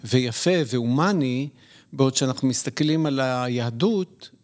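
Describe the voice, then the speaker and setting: A middle-aged man, a podcast guest, explaining his views in a measured, lecturing way, often pausing to find the right word. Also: medium pitch, darkish tone. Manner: measured, lecturing, pauses to search for words. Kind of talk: reflective conversational explanation.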